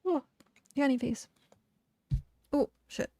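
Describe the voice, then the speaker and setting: Young woman, game streamer, rambling casual chat, gravelly, dry close sound. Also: high-pitched, slow pace, dark tone, no echo. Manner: rambling, chatty, heavy use of "like". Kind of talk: casual live-stream chat while gaming.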